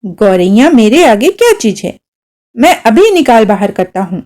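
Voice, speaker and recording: A woman's voice: fairly high pitch, sing-song, a little slow, a little mellow. A woman voicing a short-tempered, proud middle-aged father who blusters and gives orders. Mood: boastful. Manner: blustering, commanding.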